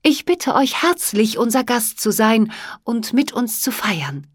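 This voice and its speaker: A woman voicing a gentle fairy queen with a formal, welcoming manner. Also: on the high side, big pitch swings, measured pace, dry recording, studio quality, voice pushed up.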